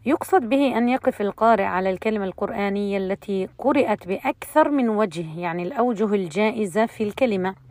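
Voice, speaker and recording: Woman as recitation teacher, mid-pitched, dry untreated sound, explanatory and unhurried with frequent pauses. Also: darkish tone, no room sound. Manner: explanatory, pausing often with fillers. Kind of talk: lesson on Quran recitation rules.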